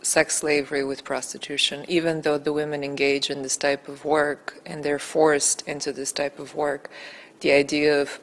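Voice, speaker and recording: A Bulgarian documentary film-maker in her thirties answers interview questions earnestly and articulately, building emphasis as she goes. Her voice is low, captured on a handheld mic held by the interviewer in a small indoor room, and the recording quality is poor.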